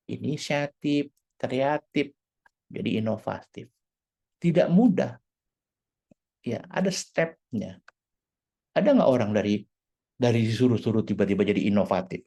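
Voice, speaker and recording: A woman's voice: a bass voice, a little slow, long pauses, mellow. A woman teaching a church leadership class, acting out quoted dialogue with animation and dropping English words into her talk.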